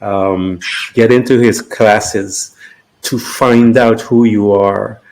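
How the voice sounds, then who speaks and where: Podcast host guy, low voice, talks real slow, lots of ums. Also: steady tone, darkish tone. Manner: slow, halting, many fillers. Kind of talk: casual interview.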